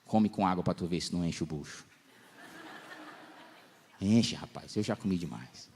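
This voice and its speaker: A young man preaching at a church congress, telling lively stories in slangy talk and acting out the voices he quotes. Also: sits low, normal speed, husky. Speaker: pastor. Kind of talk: lively storytelling sermon.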